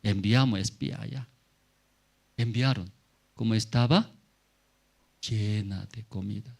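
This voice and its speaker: A man's voice: on the low side, a little slow, gravelly. A man preaching a Sunday sermon as pastor, in simple broken phrases full of rhetorical questions and short acted-out lines. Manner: often acts out Bible characters in a raised voice.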